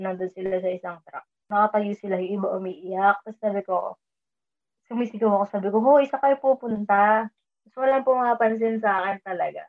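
A woman casually telling a personal story, mixing English into her talk and raising her voice when she quotes herself. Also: mid-range voice. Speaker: storyteller sharing a dream experience. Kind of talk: casual chat. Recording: tinny phone-like line.

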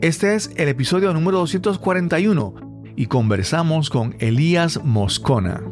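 A man reading a scripted podcast intro in a measured, deliberate way. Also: on the high side, animated, soft background music. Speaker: podcast announcer.

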